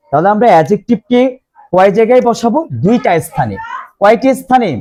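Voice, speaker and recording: A man teaching English grammar to a classroom of students, slowly repeating questions for the class to answer. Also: high-pitched, mellow.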